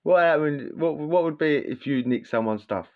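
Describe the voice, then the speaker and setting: A man's voice: medium pitch, moderate pace. A man telling a casual story in a slangy, rambling way, often repeating himself. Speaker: vlogger. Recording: slightly dull lo-fi audio.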